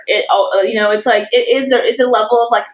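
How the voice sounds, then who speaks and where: Woman, podcast guest, higher voice, rambling and filler-heavy, quick to laugh, roomy echo. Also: fairly even intonation. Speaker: guest, social media manager and course teacher. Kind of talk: casual podcast conversation.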